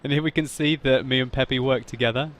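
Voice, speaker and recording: He's narrating footage of his own tank battle as a voice-over, talking fast in a mid-range voice. Laughter comes often, and the big moments make him loud and excited.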